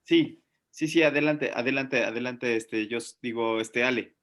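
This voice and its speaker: A man leading a medical class, talking in a lively, questioning way with many fillers. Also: mid-range voice, moderate pace. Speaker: medical teacher. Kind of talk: online class discussion.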